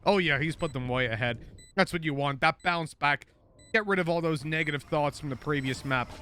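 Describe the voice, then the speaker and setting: A man doing play-by-play commentary on an esports match, calling the action in quick excited bursts. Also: on the high side, soft background music. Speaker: esports caster.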